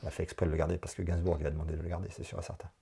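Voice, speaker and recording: Husky, lively French-speaking coach man. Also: deep voice, very fast. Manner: animated, encouraging, talks in bursts. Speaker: enneagram coach. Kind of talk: coaching session.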